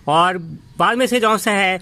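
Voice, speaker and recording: A man hosting a casual gardening tutorial in his home garden, talking in a halting way with many fillers and restarts. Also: high-pitched, bright, forceful tone. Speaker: gardening channel host.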